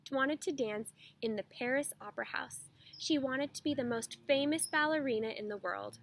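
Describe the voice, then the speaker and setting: A woman teacher reading a children's picture book aloud in a clear, expressive way. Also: a little high, slight background noise.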